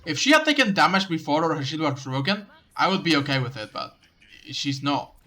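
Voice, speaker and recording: A man's voice: a little high, very animated, fairly quick, sharp tone. A man reviewing someone's game footage, coaching them in casual commentary, often stumbling and restarting his sentences. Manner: coaching, direct advice.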